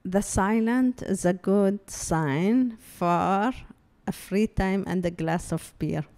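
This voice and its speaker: A woman from Palestine, an artist giving a public talk, speaking haltingly and searching for words with many fillers. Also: mid-range voice, a little mellow. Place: talk room before an audience.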